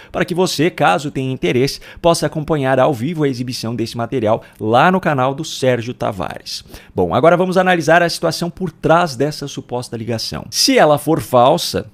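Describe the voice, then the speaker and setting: Casting: male Brazilian political video host, fairly high voice, deliberate and emphatic scripted delivery. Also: gravelly.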